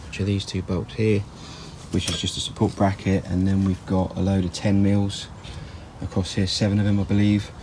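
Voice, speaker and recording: Low gravelly man narrating car repair. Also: very noisy. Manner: rambling, plain-spoken, self-correcting. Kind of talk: casual workshop commentary. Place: outdoors in a yard.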